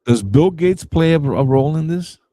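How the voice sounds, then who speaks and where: A man co-hosting a podcast, telling a story in a casual, animated way. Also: on the high side, normal speed, no echo, studio quality. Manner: animated storyteller who acts out quoted people. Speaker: podcast co-host. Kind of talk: casual chat.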